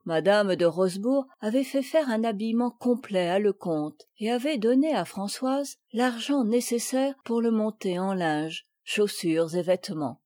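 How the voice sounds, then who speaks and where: A woman reading a classic children's novel aloud in scripted narration, with an even, measured delivery. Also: medium pitch, dry recording, clean studio sound. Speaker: audiobook reader.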